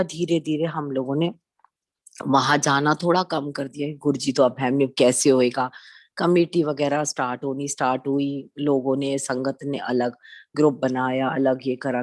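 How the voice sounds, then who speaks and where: Low-voiced woman telling a devotional story. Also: darkish tone, no room sound, studio quality. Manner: conversational storytelling, mixing in English words; acts out quoted dialogue in her telling. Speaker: devotee sharing experiences at a satsang. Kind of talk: personal spiritual testimony.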